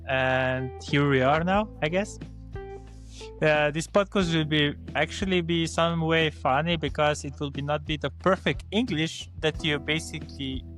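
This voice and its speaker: With a slightly high, somewhat bright voice, a young man from Slovenia co-hosts a relaxed podcast conversation. His Slovene accent comes through as he hesitates, restarting often and leaning on fillers.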